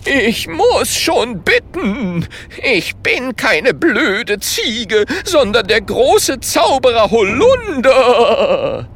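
A woman's voice: low voice, wildly swooping pitch, extremely slow, gravelly, few pauses, pushed and bright, slightly rough, voice pushed up, full character voice. A woman voicing an indignant old male wizard who has been turned into a goat, speaking in a pompous, huffy way.

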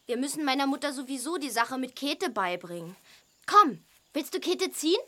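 A woman playing a spirited, warm-hearted teenage farm girl in a children's audio drama, eager and girlish. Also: high voice, lively intonation, moderate pace. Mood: concerned.

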